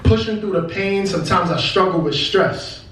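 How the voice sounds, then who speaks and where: A man's voice: high voice, moderate pace, fairly bright tone. A young man from Brooklyn, New York performs a poetry reading as rhymed, rhythmic spoken word with emphatic cadence. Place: indoor cafe stage before an audience. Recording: echoey live venue, distant mic, faint noise.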